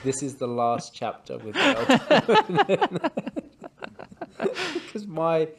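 Male podcast host, casual, swears a lot, quick to laugh. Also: fairly high pitch, wildly swooping pitch, vocal fry, a crowd in the background. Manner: swears freely, laughs often, blunt. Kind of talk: casual book discussion chat.

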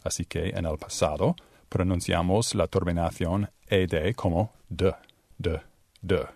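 A man teaching English pronunciation in a bilingual lesson, drawing out sounds slowly to demonstrate them. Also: deep voice, steady tone, a little mellow, no room sound, clean studio sound. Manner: slow, exaggerated demonstration of sounds. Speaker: Spanish-speaking English teacher.

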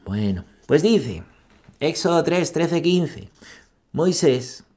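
A man giving a catechesis talk, animated and emphatic, asking rhetorical questions and checking in with his listeners. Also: a little high, slow. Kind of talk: catechesis talk on scripture and philosophy.

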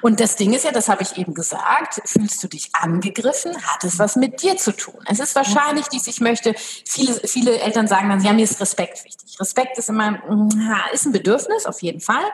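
A woman in her thirties talking casually in a podcast conversation, lively and acting out her child's lines. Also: a little high, brisk, few pauses, noisy background. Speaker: parenting guest.

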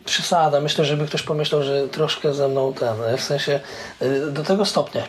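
A man explaining things in an interview, pausing often with filler sounds as he thinks. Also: on the high side, a little hiss or hum. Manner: hesitant, many filler "e" pauses. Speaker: interviewee, Hebrew scholar. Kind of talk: conversational explanation.

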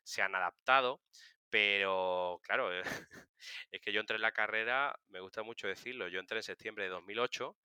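A political science communicator in his thirties from Seville, Spain, appears as an interview guest, telling stories and explaining things casually. His voice is lowish yet very bright and forceful, at normal speed, clean and crisp in a dry recording with no echo.

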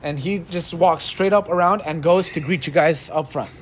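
Man, dungeon master, casual, laughs easily, fairly high voice. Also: normal speed, a little hiss or hum. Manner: casual, laughs often, explains with a few restarts. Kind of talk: running a tabletop game.

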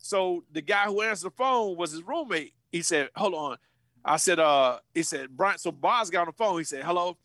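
A man in his fifties, a former college football player, telling an animated story full of slang, repeated words and acted-out voices. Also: high-pitched, normal speed, no room sound.

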